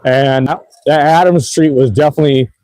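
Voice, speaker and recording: Man, rambling, filler-heavy, mellow tone, dry sound, mic on a moving bike outdoors. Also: a little high, fairly even intonation, a little fast, no echo, poor audio. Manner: rambling, laid-back, lots of fillers and laughs. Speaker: e-bike vlogger. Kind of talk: casual livestream narration while riding. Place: outdoors on city streets at night.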